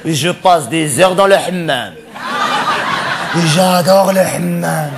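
Brief: man playing a camp cross-dressing cabaret dancer, high put-on voice, theatrical and touchy, live stage comedy, noisy room. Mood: camp chatty. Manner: camp, theatrical, quick to snap at hecklers. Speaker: stand-up comedian in character. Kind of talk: stand-up character monologue.

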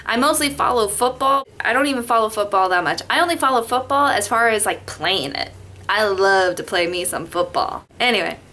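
A young beauty vlogger from Las Vegas talks through a makeup tutorial into a webcam set up in front of her in her bedroom. She's chatty and rambling, with a mid-range voice, lively intonation, and a brisk, bright, forceful tone.

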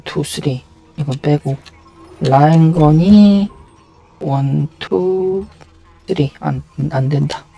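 A man with a fairly high, very lively voice does casual live gameplay commentary. He thinks aloud and mutters to himself as he goes. Game music plays behind him. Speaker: video game streamer.

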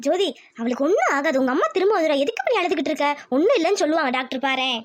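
Brief: woman voicing a calm cartoon aunt, lower and soothing. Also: racing, heavy background noise. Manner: soothing, reassuring. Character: comforting middle-aged village aunt. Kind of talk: cartoon voice acting.

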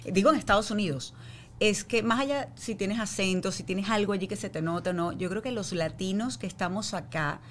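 A woman's voice: medium pitch, fairly quick, slight background noise. A woman hosting a podcast, chatting and affirming her guest. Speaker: podcast host. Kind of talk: casual interview chat.

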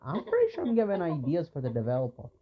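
A man's voice: a little high, huge pitch swings, fast talker, husky, dull audio. A man giving let's play commentary, rambling and pleading with the game character as he plays. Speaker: gamer.

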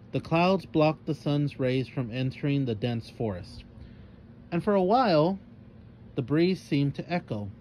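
A man narrating a children's storybook in a measured, dramatic way. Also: on the high side, darkish tone, slight background noise, rough recording. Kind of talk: storybook reading.

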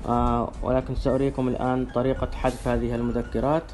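A man presenting a step-by-step software demonstration in a halting, instructional way. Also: medium pitch, flat delivery, a little hiss or hum. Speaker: tutorial presenter.

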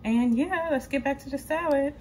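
A woman's voice: high voice, moderate pace, slight background noise. Chatty young woman venting in a kitchen. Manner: candid and chatty, venting with lots of "like" and casual swearing. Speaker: vlogger. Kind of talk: casual vlog chat while cooking. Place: home kitchen.

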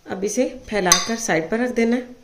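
A woman, hosting a cooking show, calmly talking through a recipe step by step. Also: on the high side, moderate pace, noisy background. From Pakistan. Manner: calm, methodical, checks in with "ठीक है". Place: home kitchen. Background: frying and stirring sounds.

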